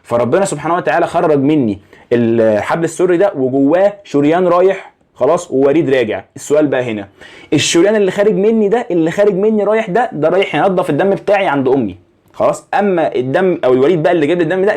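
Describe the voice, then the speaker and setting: A man's voice: a little high, animated, very fast, a little mellow. A young man with an Egyptian Arabic accent teaching anatomy in a casual, conversational way, often asking the listener rhetorical questions to check they follow. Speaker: anatomy lecturer.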